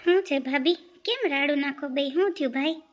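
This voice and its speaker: A woman's voice: sits high, normal speed, lightly acted. A woman playing a touchy young wife who protests and defends herself in a comic family sketch. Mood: defensive.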